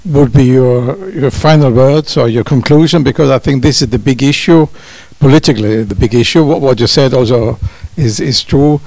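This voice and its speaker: An older man moderating a panel talk in English, German his first language, measured as he steers toward a conclusion. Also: medium pitch, a little mellow, no room sound.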